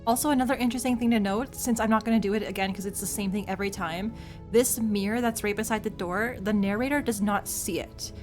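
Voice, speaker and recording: A woman's voice: medium pitch, fast talker. A woman doing casual, playful commentary as she streams a game, chatting and reacting aloud. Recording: faint music behind the voice.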